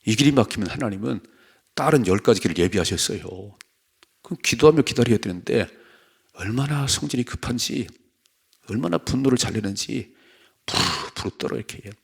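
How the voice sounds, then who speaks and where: A man's voice: lowish voice, expressive, fairly quick, gravelly, husky. A male pastor preaching an early-morning sermon, reading scripture aloud and pressing the congregation with emphatic rhetorical questions. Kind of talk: dawn prayer sermon.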